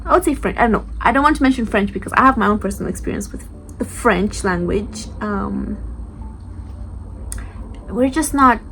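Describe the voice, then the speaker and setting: A woman's voice: mid-range voice, normal speed, gravelly, pauses often, fairly bright tone, a little hiss or hum. A young woman from Romania with a Romanian accent that has Scottish and London traces, chatting casually to the camera in a rambling vlog. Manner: chatty, rambling, restarts often, laughs at herself. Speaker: YouTuber.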